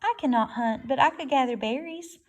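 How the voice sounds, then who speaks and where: A woman voicing a calm, polite female robot who speaks plainly and literally in a storybook read-aloud. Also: high voice, a little fast.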